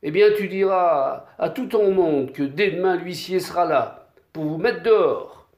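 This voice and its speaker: Man doing a gruff greedy old landowner, raised pitch, bullying, echoey room. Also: unhurried, a little mellow. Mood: irritated. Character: rich greedy old male peasant-landowner, threatening.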